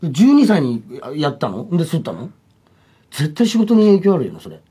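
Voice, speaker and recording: A man with a Kansai accent hosting a radio variety show, brisk and teasing, laughing as he runs a guessing game. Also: a little high, wildly swooping pitch, dark tone, breathy edge. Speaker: host.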